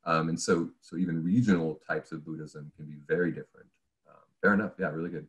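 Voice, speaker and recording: As a podcast guest, this philosophy and religious studies professor speaks quickly in a very deep voice with fairly even intonation. His conversational talk is analytical and discursive, peppered with imagined questions.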